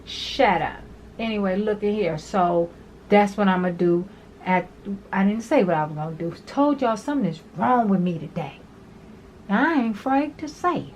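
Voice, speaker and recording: Woman, home nail vlogger, chatty and rambling, mid pitch, faint fan hum. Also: expressive, moderate pace, darkish tone. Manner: talkative, addresses viewers as "girl"; rambling, repeats herself. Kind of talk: casual chatty tutorial. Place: small home room with an overhead fan.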